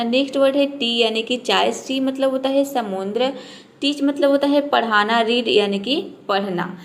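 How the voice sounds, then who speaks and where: A woman teaching an English pronunciation lesson step by step, asking and answering her own questions. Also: a little high.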